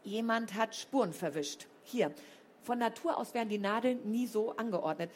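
A woman reading a storybook, voicing a calm, sensible schoolgirl who speaks in a slow, measured way. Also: fairly high pitch, slight background noise, pitched above the performer's own voice, lightly acted.

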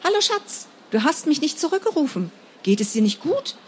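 A woman's voice: high voice, big pitch swings, normal speed, slight background noise, pitched above the performer's own voice. A woman voicing a cloying mother who leaves a sing-song, affected message on an answering machine. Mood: sweet. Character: older mother, cloying, leaving phone messages.

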